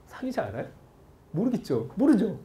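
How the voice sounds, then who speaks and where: A man in his forties lectures students on how to study, his pitch leaping around as he tells stories and quizzes the room. His tone is mellow and soft-edged. A faint ambient hum sits under his voice. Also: normal speed. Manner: animated storytelling, quotes people, asks the audience questions. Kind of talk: lively motivational lecture to students.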